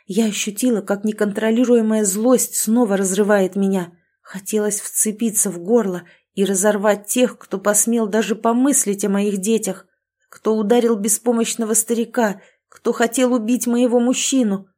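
Mellow woman narrating an audiobook. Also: medium pitch, fairly even intonation, moderate pace. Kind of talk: scripted first-person audiobook narration.

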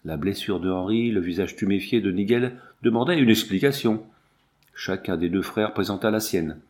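A man narrating a novel in a steady, measured reading voice. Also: lowish voice. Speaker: audiobook reader. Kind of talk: scripted narration.

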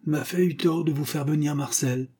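A man's voice: a little high, normal speed, darkish tone, husky, voice pushed up. A man reading aloud, voicing a proud, stubborn farm mother who speaks curtly. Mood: stern. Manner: curt, dry.

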